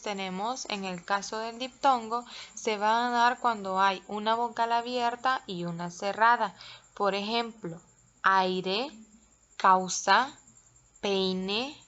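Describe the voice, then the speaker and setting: Female teacher, unhurried and methodical, dull lo-fi sound. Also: medium pitch, fairly bright tone. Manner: slow, careful, spells out syllables. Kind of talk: recorded classroom lesson.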